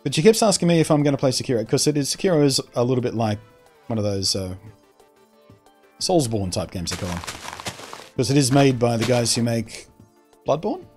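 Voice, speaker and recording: A male streamer talks loosely to his viewers in a mid-range voice, neither high nor low. He rambles and often restarts his sentences while he airs his opinions. Faint music plays in the background. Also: sing-song, a little fast, long pauses, darkish tone. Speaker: streamer answering chat. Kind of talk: casual live-stream chat.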